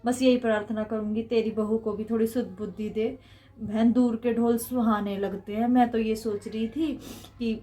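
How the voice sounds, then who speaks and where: Brief: high-voiced, gossipy Haryanvi mother-in-law, middle-aged, played by an actress. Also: steady tone, normal speed, warm tone, close to an everyday voice. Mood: contrite. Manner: chatty, gossipy. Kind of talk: comedy skit acting.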